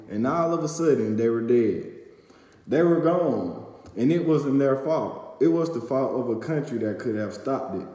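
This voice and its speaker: In a small room at home, a young adult man with a warm, mid-range voice reads out a news recap to camera, tripping over words and adding fillers. A phone camera at arm's length captures him, and the room echoes with long reverb.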